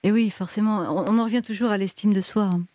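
A woman's voice: medium pitch, fairly even intonation, fast talker, a little mellow, no echo. A woman hosting a radio advice show, reassuring and encouraging her caller. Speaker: radio host.

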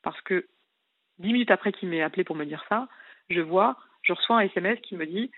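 Over a tinny phone line, a caller with a lowish voice speaks a little fast in a dry recording. Upset, she rambles through a long, detailed confession to the radio show.

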